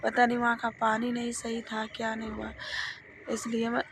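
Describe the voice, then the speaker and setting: A hoarse woman, clearly unwell, talks casually into her phone outdoors while walking. Her voice is gravelly, somewhat high and monotone, and she coughs often and sounds tired. Faint evening ambience sits in the background. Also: moderate pace, slight background noise. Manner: straining to speak, tired. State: hoarse, sick with cold and cough. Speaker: vlogger. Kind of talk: casual vlog chat. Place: village road outdoors at dusk.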